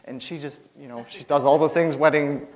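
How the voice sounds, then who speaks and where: A man's voice: fairly high pitch, fairly even intonation, brisk, a crowd in the background, rough recording. A young man giving an informal church sermon, rambling nervously with lots of fillers and laughs.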